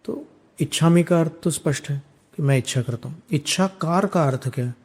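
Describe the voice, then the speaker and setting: A man, a monk, chanting prayers in a drawn-out way and then explaining scripture in a calm teaching sermon. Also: fairly high pitch, husky. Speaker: Jain monk giving a discourse.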